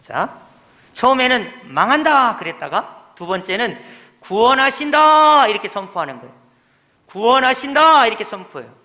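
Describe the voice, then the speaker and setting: A man's voice: fairly high pitch, bright, forceful tone. A male pastor giving a teaching sermon in a church, emphatic, asking questions and answering them himself, heard in an echoey hall. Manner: emphatic, drills the congregation, asks and answers himself. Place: church sanctuary.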